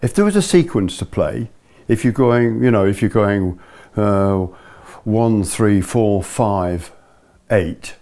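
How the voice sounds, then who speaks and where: A man's voice: on the low side, slow, mellow. An older man giving a hands-on lesson to a small group as a ski instructor, explaining patiently and methodically and repeating key points. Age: older, about 70s. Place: living room, indoors.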